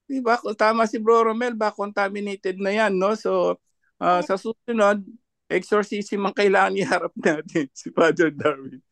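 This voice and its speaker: High-voiced man, mocking and laughing. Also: moderate pace, gravelly, fairly bright tone, no room sound. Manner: mocking, laughs often between jabs. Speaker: panelist commenting on a debate. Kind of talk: online discussion commentary.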